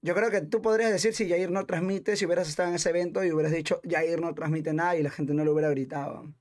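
A fairly high-pitched man, reacting live as a streamer to a rap battle. He talks brashly in quick rambling asides and swears a lot. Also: fairly even intonation, darkish tone.

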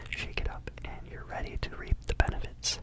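Male ASMR host, thirties, whispered sponsor read, casual and playful, close-miked. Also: a little fast. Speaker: sponsored ad reader. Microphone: close studio microphone on a desk.

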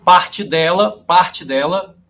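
A man on a remote call, his voice somewhat high for a man with a faint hiss behind it. He argues his point earnestly but haltingly, restarting phrases when pressed. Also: pushed and bright. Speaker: caller joining the live stream. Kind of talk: casual debate with the host.

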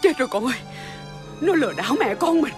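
A middle-aged stepmother with a Southern Vietnamese accent in a TV fairy-tale drama, cruel to her stepdaughter and fiercely doting on her own child. Her high voice leaps wildly as she scolds and wails. Faint music plays under the scene. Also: big pitch swings, fast. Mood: lamenting. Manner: shrill scolding, wailing over her daughter.

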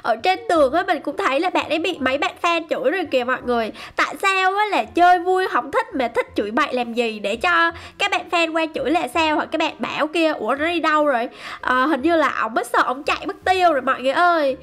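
A woman giving excited, chatty game commentary to her viewers. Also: high-pitched, fast talker. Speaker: gaming YouTuber.

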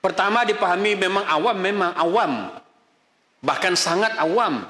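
A man's voice: high voice, moderate pace, bright, forceful tone. A middle-aged man giving a religious lecture as an Islamic preacher, emphatic and scolding, full of rhetorical questions. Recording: echoey hall reverb.

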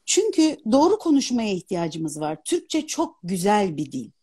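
A woman in her fifties, an opera singer and dubbing artist, talking as a guest in a casual live interview, animated and articulate. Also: mid-range voice, measured pace, husky. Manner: animated, articulate, laughs easily. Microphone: phone on a live video stream.

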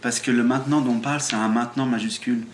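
A man's voice: mid-range voice, fairly even intonation, quick pace. Man, french accent, spiritual teacher at a satsang, earnest, stumbling restarts, roomy echo, faint hiss. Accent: French from France. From France. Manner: earnest explaining with frequent stammered restarts. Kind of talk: satsang talk on awakening.

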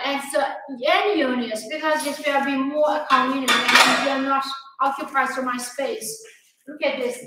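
A young woman presenting products on a livestream demo, upbeat and greeting viewers by name. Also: high-pitched. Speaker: sales presenter. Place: large echoey warehouse showroom. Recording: echoey room, faint background noise.

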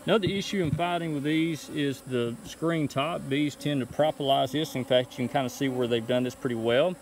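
A man's voice: medium pitch, brisk, low-quality recording. A man in his thirties, a beekeeper, talking through his work step by step in a casual how-to vlog. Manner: relaxed, explaining step by step. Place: outdoor bee yard. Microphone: phone camera held while working. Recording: outdoor noise with buzzing bees. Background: insects buzzing outdoors.

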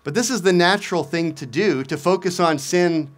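A middle-aged pastor with a fairly high voice delivers a sermon from an outdoor lectern. He keeps asking rhetorical questions and hammers his points through repetition. The sound comes through a stand mic on the lectern. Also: moderate pace.

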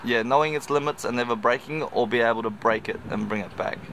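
A relaxed, slangy man hosts a casual interview out on a city street. His voice sits in an ordinary middle register. Traffic and street noise sound clearly behind him. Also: medium pitch, fast talker, rough recording. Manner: laid-back, slangy, says "killer".

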